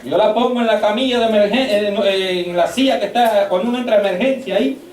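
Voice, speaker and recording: A man preaching a sermon as pastor, fervent, swinging between loud shouts and hushed storytelling. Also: high-pitched, fast. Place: church. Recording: echoey church hall, mic at a distance.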